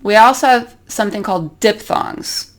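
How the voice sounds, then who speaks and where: A woman's voice: mid-range voice, moderate pace. A woman with an American accent teaching an English pronunciation lesson, carefully demonstrating each vowel sound.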